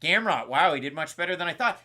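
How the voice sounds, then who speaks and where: A man calls a fight live for a stream audience, his voice bright and edgy. His pitch leaps around animatedly as he reacts to strikes and takedowns. He also reads out fan scorecards between the action. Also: fast. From Canada. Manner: excitable play-by-play calling, reads out fan scores. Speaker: co-host. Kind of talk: live fight watch-along commentary.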